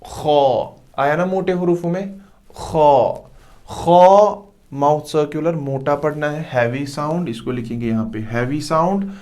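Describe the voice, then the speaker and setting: A man teaching Quran letter pronunciation who drills each sound slowly and loudly, then explains it more softly. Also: fairly high pitch. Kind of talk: slow tajweed lesson with drilled recitation.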